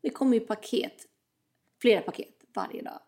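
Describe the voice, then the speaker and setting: A woman's voice: a little high, creaky, mellow. A young woman in casual chat, talkative, mixing English phrases into her talk and acting out what others said. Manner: chatty, mixes English phrases, acts out quoted exchanges.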